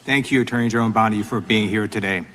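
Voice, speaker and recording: A man's voice: lowish voice, fairly even intonation, fast talker, a bit bright. An American man questioning a witness at a formal hearing as a congressman, prosecutorial, insistent and accusatory. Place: government hearing room.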